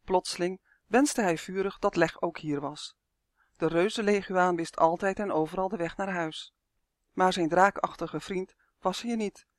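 A narrator reading a children's fantasy story aloud in a lively, expressive storytelling manner. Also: mid-range voice, a little slow, no room sound, studio quality. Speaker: audiobook narrator.

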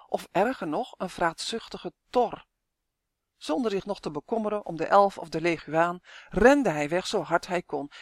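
An audiobook narrator reading a children's storybook in a lively, expressive way. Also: medium pitch, dry recording, clean studio sound.

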